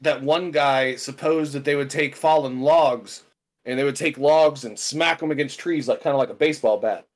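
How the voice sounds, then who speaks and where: A man on a casual podcast who explains things in a relaxed way, with small hesitations. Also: mid-range voice, normal speed. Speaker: podcast co-host. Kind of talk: casual chat.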